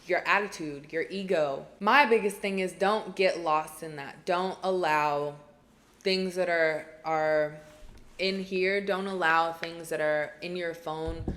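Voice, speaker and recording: In this advice vlog, her fairly low, fairly bright voice stays fairly even in intonation and slow. The twentysomething woman addresses the camera alone from a small room, earnest and chatty, repeating phrases to stress her points.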